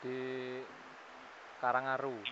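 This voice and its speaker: A man's voice: mid-range voice, completely flat delivery, slow, pushed and bright. A man on a phone call who answers in short, hesitant replies and murmurs agreement. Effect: heard over a phone line. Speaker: call recipient. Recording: dull, lo-fi phone line with faint hiss.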